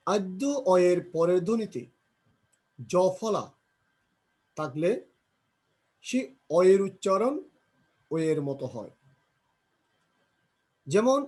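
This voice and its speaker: A man teaching a grammar lesson, slowly drilling pronunciation, repeating example words and asking and answering his own questions. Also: sits high, lively intonation, a little mellow, husky.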